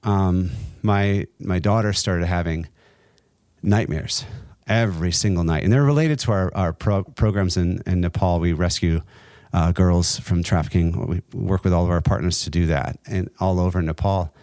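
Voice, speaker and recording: A middle-aged man telling a personal faith story in an interview, earnest and halting, with many restarts. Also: low-pitched, a little mellow, no echo, clean studio sound. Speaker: guest, entrepreneur and nonprofit co-founder.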